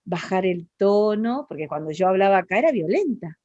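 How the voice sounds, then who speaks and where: A woman's voice: mid-range voice, animated, normal speed, a little mellow, dry recording, muffled recording. An Argentine woman with an Argentine Spanish accent, talking expressively in a casual interview, with many fillers and restarts.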